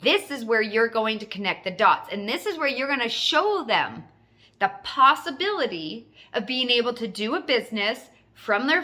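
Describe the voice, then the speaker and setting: A network marketing coach gives an informal sales training talk, her voice on the high side, bright and pushed. She is emphatic and instructive, repeating key phrases to drive them home.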